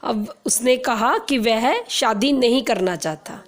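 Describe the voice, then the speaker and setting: Slow-speaking woman teacher. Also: on the high side, animated. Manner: deliberate, slow dictation-like English, quicker Hindi explanation. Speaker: teacher explaining a school chapter. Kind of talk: slow chapter summary, reading each line in English then explaining it in Hindi.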